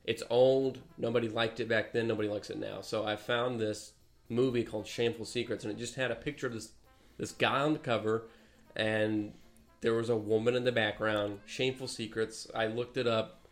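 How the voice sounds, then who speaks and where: Brief: male podcast co-host, animated storyteller, salty language. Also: on the low side, moderate pace, soft background music. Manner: animated storytelling, swearing, laughing mid-story. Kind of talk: casual chat.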